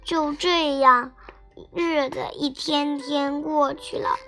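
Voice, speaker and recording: Brief: woman storyteller for kids, high bright voice, slow sing-song reading, music underneath. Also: fairly even intonation, gravelly. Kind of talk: children's bedtime story narration.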